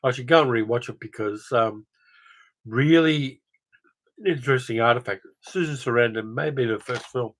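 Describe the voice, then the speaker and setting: Rambling middle-pitched man on a livestream. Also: normal speed, fairly bright tone, rough recording. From Australia. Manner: rambling, conversational, frequent fillers. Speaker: film channel host. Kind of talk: casual livestream chat reading viewer comments.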